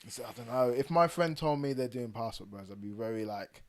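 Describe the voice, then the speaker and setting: A young man co-hosting a casual podcast chat, laughing often and trailing off quietly when he turns serious. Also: medium pitch, animated, brisk. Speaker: podcast co-host.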